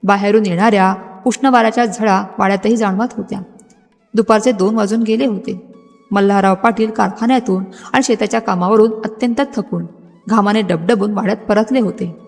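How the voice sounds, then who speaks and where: A woman narrating a scripted, dramatic story in a steady storytelling manner. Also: mid-range voice, brisk. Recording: music bed, long hall reverb.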